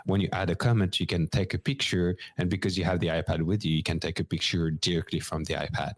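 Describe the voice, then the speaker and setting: A man's voice: low-pitched, fairly even intonation, fast talker, no echo. A man with a French accent co-hosting a podcast, methodically explaining practical steps in a casual technical chat. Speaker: podcast co-host.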